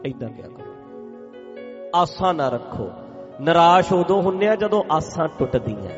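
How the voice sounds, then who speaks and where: A man with a fairly high voice preaches from a hall stage, pressing each point again and again and sliding into chanted verse. His voice echoes through the room on a dull, lo-fi recording. Music plays clearly behind him. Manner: emphatic, repetitive, breaks into chant. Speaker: Sikh preacher. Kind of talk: sermon with sung scripture verses.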